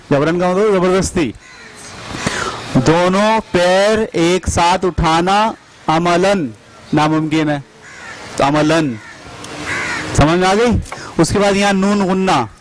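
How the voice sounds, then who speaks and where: Slow, deliberate man teaching spelling. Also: sits high, a little hiss or hum, poor audio. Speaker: teacher trainer.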